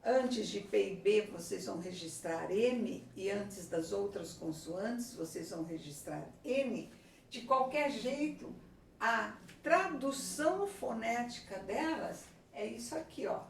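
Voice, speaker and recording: Slow, deliberate woman teaching a class. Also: mid-range voice, lively intonation, gravelly, a little hiss or hum. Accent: Brazilian Portuguese. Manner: slow, deliberate, spells out examples and checks in. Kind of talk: classroom lesson at a whiteboard. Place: classroom with a board. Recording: echoey room from far off.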